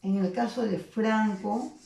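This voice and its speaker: Warm gravelly woman teaching, echoey and distant. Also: mid-range voice, steady tone, takes it slowly. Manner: patient explaining, frequent tag questions. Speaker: secondary school teacher. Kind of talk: recorded grammar lesson. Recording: echoey room, voice off the mic.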